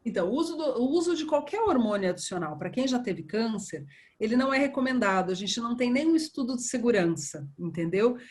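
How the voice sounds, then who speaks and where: A woman surgeon, talking in a relaxed interview and acting out past conversations as she tells them. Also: fairly high pitch, quick pace. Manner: animated storytelling, acts out dialogue. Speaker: breast surgeon guest.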